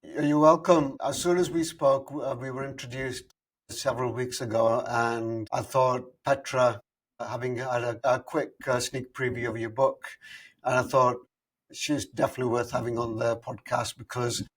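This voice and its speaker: A man's voice: medium pitch, steady tone, moderate pace, slightly rough. A man hosting an industry podcast. He opens with an upbeat scripted welcome, then settles into casual, friendly conversation, loosely phrased with fillers. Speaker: podcast host. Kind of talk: scripted intro, then casual interview chat.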